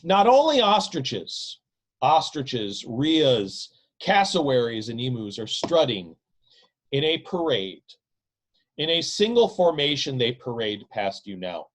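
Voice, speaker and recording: A man with a medium-pitched, sing-song voice reads his own novel aloud in a dramatic literary style. His delivery is deliberate and emphatic, with repeated phrases.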